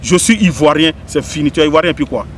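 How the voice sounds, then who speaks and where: An Ivorian man with a higher, slightly bright voice and an Ivorian French accent speaks fast and insistently, straight to the camera. A spiritual medium giving a public message, he preaches, repeats himself, and questions the listener in an impassioned address outdoors with faint traffic behind.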